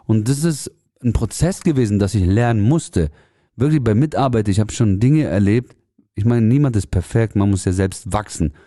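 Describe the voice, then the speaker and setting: Man, low mellow voice, earnest advice-giver to hairdressers, dry close sound. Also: moderate pace, no echo. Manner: earnest, direct, talks straight to the listener. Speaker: salon owner giving advice to hairdressers. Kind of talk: motivational podcast monologue.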